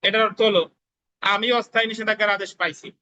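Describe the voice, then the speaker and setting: High bright-voiced male law tutor. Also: fairly even intonation, fast, muffled recording. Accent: Bangladeshi Bengali. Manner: repeats key points, asks students if they understand; dictates spelling letter by letter. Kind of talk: classroom law lecture.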